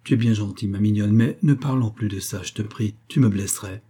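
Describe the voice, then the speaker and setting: A penniless young lover in a storybook reading, as a male narrator plays him, his voice mellow and a little husky. He pleads and stammers, then stiffens into wounded pride. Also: on the low side, brisk. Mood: dignified. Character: proud, broke young man, her lover.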